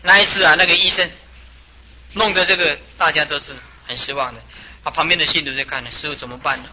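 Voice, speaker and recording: A man, a Buddhist master, tells a story as a sermon in an animated way and chuckles as he talks. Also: a little high, fairly quick, lo-fi sound, a little hiss or hum.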